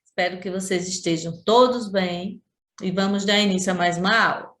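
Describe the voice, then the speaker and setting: A woman's voice: mid-range voice, steady tone, normal speed, fairly bright tone. A woman teacher from Sergipe with a Brazilian Portuguese accent, giving a remote class lesson and patiently repeating and stressing syllables. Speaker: schoolteacher. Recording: roomy echo.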